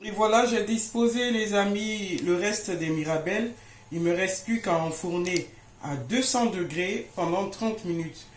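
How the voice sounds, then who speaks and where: Unhurried and medium in pitch, the host of this home baking video chats casually to her audience like friends and keeps checking that they follow. She's indoors in her kitchen, and the recording picks up echo and faint noise.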